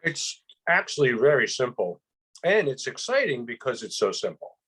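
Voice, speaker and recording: A man in casual chat, telling his own experience in an excited, rambling way with many restarts. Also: medium pitch, normal speed, husky. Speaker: guest. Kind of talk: casual chat, personal testimony.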